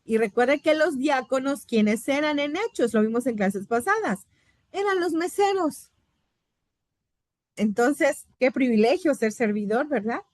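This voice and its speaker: A woman's voice: on the high side, expressive, moderate pace, few pauses, darkish tone, no echo, studio quality. A middle-aged woman teaching a Bible institute class, explaining terms step by step and often checking in with her students. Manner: explanatory, asks "¿verdad?" often.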